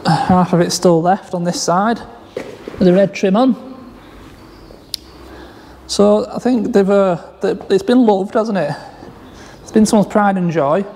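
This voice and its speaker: A car salvage vlogger rambles through a casual walkaround in a large, echoey workshop garage, with slight background noise. His voice sits high and mellow, a little slow with long pauses, and he hesitates with many fillers and restarts.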